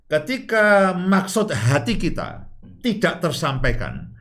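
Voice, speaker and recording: Higher-voiced man giving marriage advice. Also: wildly swooping pitch, slow, fairly bright tone. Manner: explains step by step with many "nah" openers; laughs easily while teasing his wife. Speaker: family counselor co-hosting with his wife. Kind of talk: instructive talk on marriage.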